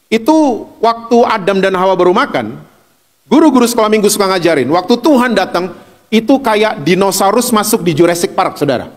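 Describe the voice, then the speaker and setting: A male pastor, preaching a sermon with lively, humorous storytelling. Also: high voice, in a large hall.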